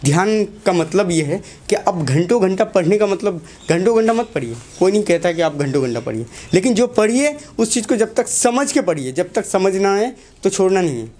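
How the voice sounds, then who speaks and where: A man's voice: sits high, animated, normal speed, hardly any pauses, darkish tone. A young man, a teacher giving a motivational talk to students in a classroom, asking the class short questions and repeating key lines.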